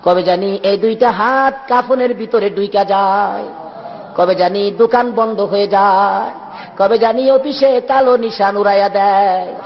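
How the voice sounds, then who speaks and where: A man's voice: sits high, a little slow. A man with a leading an emotional prayer sermon, tearful and pleading, chanting some lines. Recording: lo-fi, echoey hall.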